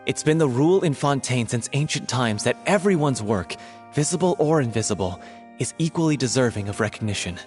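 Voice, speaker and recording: A man voicing a charming young showman who announces a stage show and calmly soothes a friend, in a video game. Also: medium pitch, a little fast, soft background music, lightly acted. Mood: soothing.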